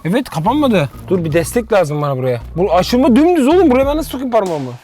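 A man vlogging in a joking, animated way, talking to his viewers. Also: high-pitched, fast talker, soft background music. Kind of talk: comedic vlog.

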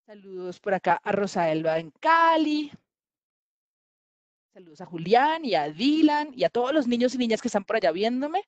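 A woman reading a story aloud to children on a livestream from home, animated and playful, talking straight to the kids. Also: mid-range voice, no room sound, highs cut off.

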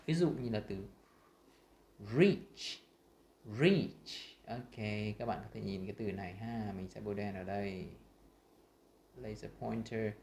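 A man with a Vietnamese accent teaching English pronunciation, saying sample words slowly and loudly between his explanations. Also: fairly low pitch, gravelly, reverberant, slight background noise. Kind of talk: screen-share lesson.

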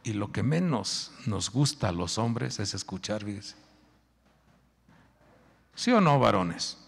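A man preaching a sermon to his congregation, throwing questions at the crowd. His voice swings widely in pitch and drops into a gravelly rasp. It rings with a long echo through a church hall. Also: slow pace. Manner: animated preaching, quizzing the congregation. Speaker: pastor.

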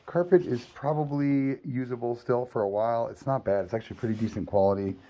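Touring a condo and briefly heading outside, a real estate agent talks casually and off the cuff, low-key and matter-of-fact as though thinking aloud. He sounds mellow and steady while speaking quickly. The audio comes from a handheld phone at arm's length and picks up background noise.

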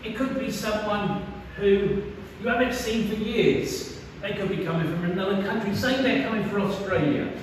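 A man's voice: high voice, normal speed, slight background noise. A man, preaching a conversational sermon and asking the congregation questions. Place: church hall. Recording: echoey church from far off.

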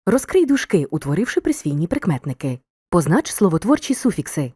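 Woman narrating a lively video lesson. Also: on the low side, no echo, clean studio sound. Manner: clear, deliberate dictation of examples. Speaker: teacher.

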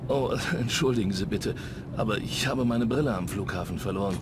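A man's voice: lowish voice, a little fast, noisy background, close to an everyday voice. A man voicing a polite, flustered passenger in a fan-dubbed adventure game, hesitant and apologetic. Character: flustered half-blind male airplane passenger.

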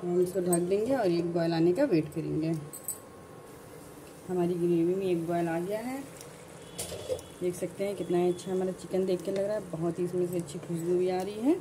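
A woman narrating a home cooking tutorial, calmly explaining each step in order. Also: lowish voice, moderate pace, pauses often, noisy background. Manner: calm step-by-step instructions. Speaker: cooking channel host.

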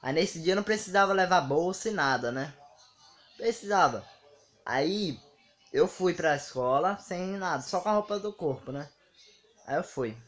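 A man's voice: high-pitched, normal speed. A man, telling stories in a casual vlog monologue and acting out the dialogue. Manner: animated, acts out quoted dialogue. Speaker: vlogger.

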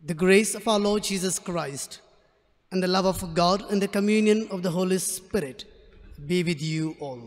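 A priest leads the Mass at a pulpit microphone, his voice pitched high and unhurried in its solemn rhythm. The sound rings out with the long reverb of a large church. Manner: measured, solemn liturgical delivery. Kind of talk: liturgy and homily at Mass.

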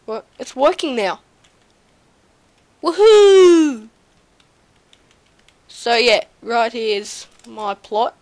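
This young server owner has a runny nose and a cough, and she hesitates constantly, filling a meandering tour of her game server with ums. Her fairly high, sing-song voice has a darkish tone and no room sound, recorded at home on a desk mic that picks up keyboard clicks during her casual commentary.

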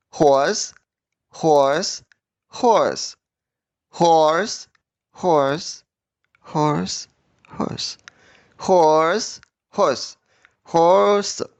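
A man teaching a children's language lesson in a patient, friendly way, drilling words through repetition and asking the children questions. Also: on the high side.

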